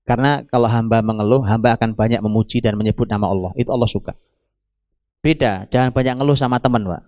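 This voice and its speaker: A middle-aged man delivers a sermon in a lively, emphatic way and keeps speaking straight to his listeners. His voice sits at an ordinary middle pitch. The sound is dry and close, with no room echo. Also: fast talker. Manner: animated, emphatic, often addresses listeners directly. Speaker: Islamic preacher.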